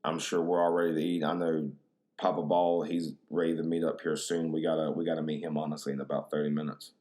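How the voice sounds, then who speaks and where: Laid-back, very low-voiced podcast guy. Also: level tone, fast, mellow. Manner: laid-back, slangy and profane, full of "dude" and "bro". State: a little tipsy from drinks. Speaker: podcast host. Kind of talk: casual rambling podcast chat.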